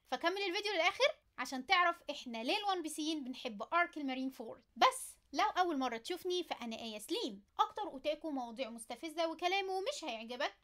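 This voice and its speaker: Excited anime fan host, woman, Egyptian accent; high voice, very rapid chatty delivery. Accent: Egyptian Arabic. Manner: chatty, playful, addresses viewer directly. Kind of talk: casual anime commentary to camera.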